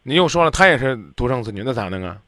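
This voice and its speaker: A man's voice: mid-range voice, big pitch swings, very fast, sharp tone, no room sound, clean studio sound. A man hosting a radio call-in advice show, blunt and lecturing as he scolds the caller. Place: radio studio.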